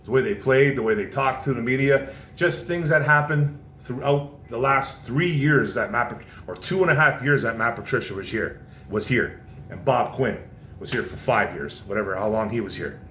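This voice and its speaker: A man's voice: normal speed, sharp tone. A man giving a passionate, repetitive casual sports rant as a vlogger, often tossing in "man". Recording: roomy echo, faint low rumble.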